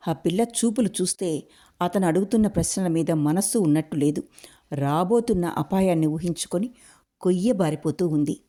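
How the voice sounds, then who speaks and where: A woman reading a novel aloud as a storyteller, in an even, measured narration. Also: on the low side.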